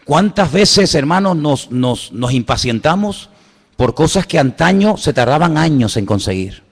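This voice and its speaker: Animated Spanish pastor in a reverberant hall. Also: male voice, a little high, measured pace, breathy edge. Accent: Spain Spanish. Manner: animated preaching with rhetorical questions and sudden soft asides. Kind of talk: sermon. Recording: church hall with long reverb.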